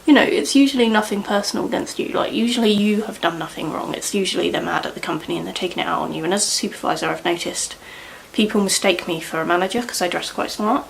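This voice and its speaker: A woman's voice: on the low side, fast talker, gravelly, hardly any pauses, a little hiss or hum, low-quality recording. Chatty woman doing makeup. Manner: rambling, chatty, lots of "like" and "you know". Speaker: beauty vlogger. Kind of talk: casual chat while doing makeup. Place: indoors at home, doing makeup.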